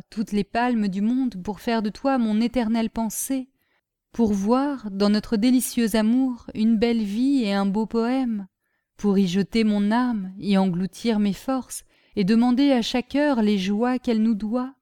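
A woman reads a literary letter aloud with mellow warmth, her delivery measured and grave, lingering on each phrase with deep feeling. The recording is close and dry. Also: clear, resonant tone, no room sound. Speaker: reader. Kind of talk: audiobook reading of a literary letter.

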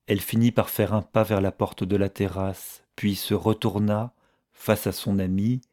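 A man reads a story aloud in a measured, even manner. His voice sits low, with a dark, mellow warmth. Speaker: narrator. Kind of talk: audiobook reading.

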